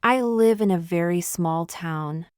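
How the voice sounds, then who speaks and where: Woman slowly reading practice phrases. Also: fairly low pitch, darkish tone, no echo, clean studio sound. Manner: slow, deliberate, one phrase at a time. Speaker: language teacher. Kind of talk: reading example phrases for learners.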